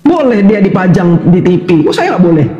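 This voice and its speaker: A woman's voice: medium pitch, very animated, a little fast, dark tone, lo-fi sound. An older woman in a casual, combative monologue, firing indignant rhetorical questions and laughing mockingly as she rants. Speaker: livestream commentator. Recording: echoey room with long reverb.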